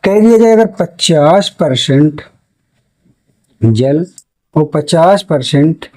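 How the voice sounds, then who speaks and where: High-voiced man teaching chemistry. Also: expressive, warm tone, poor audio. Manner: asks questions and answers them himself; repeats key terms slowly. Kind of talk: classroom lecture for board exam.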